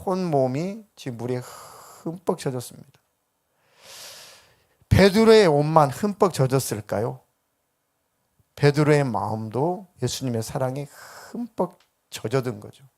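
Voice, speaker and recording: A middle-aged male pastor preaching a sermon with feeling, sometimes voicing gentle quoted words. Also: medium pitch, animated, a little slow, pauses often.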